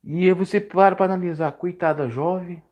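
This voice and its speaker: A man preaching casually on a live stream, rambling and correcting himself, his voice jumping high when he stresses a point. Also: steady tone, a little fast, highs cut off. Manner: rambling, self-correcting, pitch swings high when emphatic.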